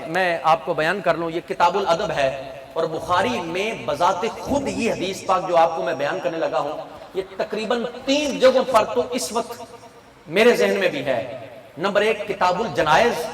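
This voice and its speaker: A man preaching a sermon in Urdu with a Punjabi accent, emphatic, swinging from soft asides to shouted points. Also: high voice. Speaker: Islamic preacher. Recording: echoey hall, voice from far off.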